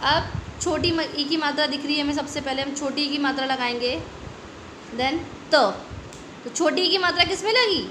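An Indian woman teaching a young children's Hindi class, drawing out each word slowly and asking the kids questions. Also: high voice, background noise. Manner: slow, drawn-out word stretching with quiz questions. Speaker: primary school Hindi teacher. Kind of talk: online class lesson. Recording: echoey room with faint ambience.

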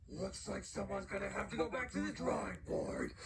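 Dark Sonic, gravelly demon taunt. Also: male voice, full character voice. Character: menacing demonic male hedgehog, gloating. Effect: slowed, pitch-shifted audio edit.

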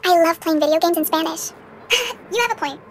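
A machine voice with a sped-up, high chipmunk effect, speaking as an eager AI chat companion in an earnest, soothing, overly reassuring way. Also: female voice, expressive, brisk, heavy background noise. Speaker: AI chatbot companion.

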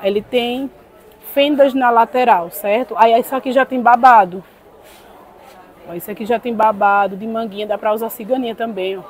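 A woman's voice: fairly even intonation, moderate pace, a little mellow. Chatty woman selling clothes. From Northeast Brazil. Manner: chatty sales pitch with tag questions. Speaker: clothing seller. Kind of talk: product showcase vlog. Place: indoor market stall. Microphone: phone camera held in hand.

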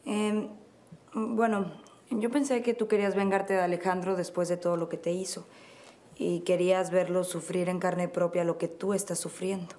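A woman's voice: on the low side, flat delivery, moderate pace, warm tone, lightly acted. An actress playing a young woman who wants revenge and seeks an ally, speaking with hesitant determination in a telenovela scene. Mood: scheming. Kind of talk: telenovela acting.

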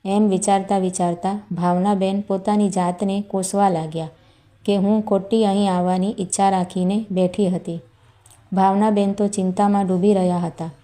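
A woman with a Gujarati accent narrating a scripted story in an even, measured way. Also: mid-range voice.

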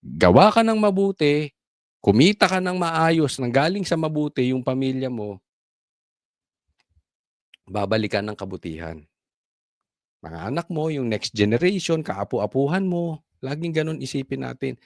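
A man's voice: mid-range voice, very animated, moderate pace, long pauses, darkish tone, no room sound, clean studio sound. A man with a Filipino accent giving preachy, mocking political commentary to his viewers. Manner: preachy, mocking, chanting, laughing asides.

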